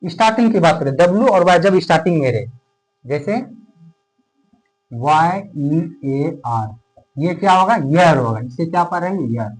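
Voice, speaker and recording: Fairly high-voiced man teaching a class. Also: expressive, low-quality recording. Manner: asks questions and answers them himself, repeats key terms; stretches words out slowly while writing. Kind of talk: classroom board lesson.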